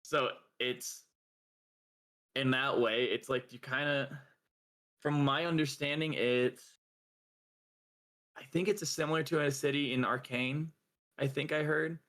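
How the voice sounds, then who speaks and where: Young podcast guy, bright voice, rambly with lots of "like"s and laughs. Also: mid-range voice, steady tone, measured pace, pauses often. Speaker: podcast co-host. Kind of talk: casual chat.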